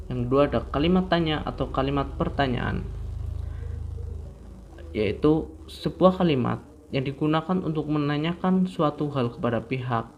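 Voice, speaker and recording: A man's voice: medium pitch, highs cut off, slight background noise. A young man, a student, reading a grammar lesson aloud from his notes, stumbling and restarting words now and then. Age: young adult. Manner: reads from notes with frequent slips and restarts. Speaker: student presenter.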